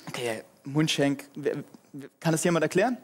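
Energetic high-voiced preacher guy, joking around and talking right to the crowd. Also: normal speed, slight background noise. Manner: energetic, humorous, addresses audience directly. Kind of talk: sermon.

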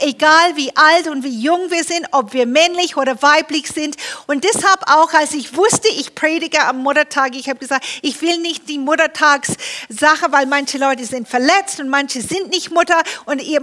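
High bright-voiced woman preaching. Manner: lively storytelling preacher with humor. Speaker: pastor. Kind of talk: sermon. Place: church.

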